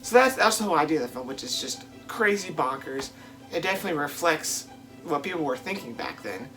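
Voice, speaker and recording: This film-reviewing host speaks a little fast in a fairly high, animated voice, with music playing behind him and low recording quality. He offers informal, conversational vlog commentary, emphasizing points by repeating words.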